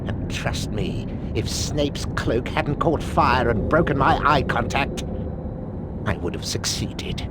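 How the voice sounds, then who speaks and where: An actor playing a treacherous, mocking wizard professor in a video game, with a sneering, theatrical delivery over loud music. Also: male voice, mid-range voice, animated, slow, very noisy. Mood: mocking, gloating. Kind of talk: video game villain voice acting.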